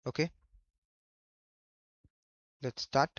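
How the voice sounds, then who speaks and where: Male tutor, unhurried halting delivery for a screen tutorial, dry and slightly dull recording. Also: no echo. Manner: halting, thinking aloud while typing. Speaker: programming tutor. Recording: dull lo-fi microphone.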